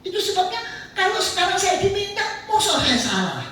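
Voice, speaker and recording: A man's voice: extremely high pitch, very animated, fairly quick, pushed and bright, a little hiss or hum, pitched above the performer's own voice, exaggerated voice. A man preacher voicing a priest who pleads his innocence and reasons with the king, heard in an echoey church. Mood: protesting. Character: bewildered male priest defending himself. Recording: echoey church hall, mic at a distance.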